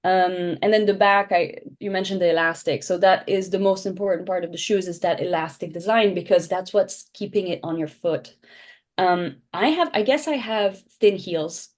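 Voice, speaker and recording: Woman founder raised in Belgium, lowish pitch, chatty guest who restarts a lot. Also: moderate pace. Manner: chatty, explains with many restarts. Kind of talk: casual podcast interview.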